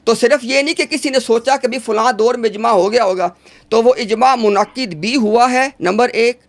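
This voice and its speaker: High-voiced man, insistent debater. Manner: insistent, interrupting, repeats himself. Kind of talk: heated religious debate.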